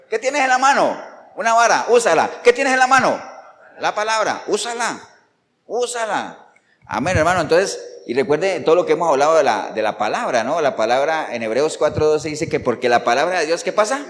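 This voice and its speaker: Animated pastor preaching in reverb. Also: male voice, a little high. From Colombia. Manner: asks the congregation questions and answers them; animated, with sudden emphatic jumps. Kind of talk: sermon. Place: church sanctuary. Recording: church hall reverb, faint background noise.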